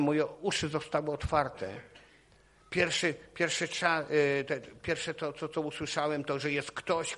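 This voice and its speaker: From a podium in a church or meeting hall, a man preaches with impassioned, repetitive delivery, weaving his own testimony into the sermon. He keeps returning to key phrases as his intensity rises, in a fairly high, fairly bright voice.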